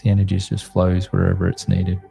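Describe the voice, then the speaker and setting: A man leading a guided meditation in a slow, gentle, soothing manner, like a sleep story narrator, in short spaced phrases. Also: deep voice, completely flat delivery, vocal fry, soft background music. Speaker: meditation guide, host of a live group session.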